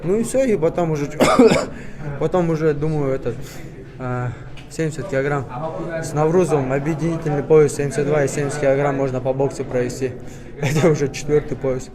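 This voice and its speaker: A man from Kyrgyzstan, a fighter giving casual interview answers just after a bout, winded and coughing a little, in halting phrases. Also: fairly high pitch. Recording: busy crowd noise behind. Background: crowd at a fight event.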